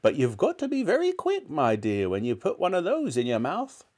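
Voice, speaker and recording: Gleeful and sinister, a man's very high, slightly mellow voice swoops wildly as he reads a wicked little storybook grandmother at normal speed. She snaps out every order with scorn and revels in the revolting.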